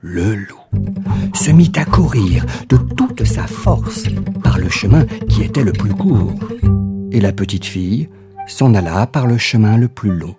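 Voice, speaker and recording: A man reading a fairy tale aloud as a storyteller. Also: on the low side. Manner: slow, lively storybook narration. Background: soft music.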